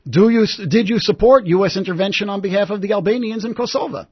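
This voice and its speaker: A man's voice: high-pitched, fast talker, husky, dry recording. A man hosting a call-in radio show, brusque and impatient, cutting callers off. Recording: dull lo-fi radio broadcast.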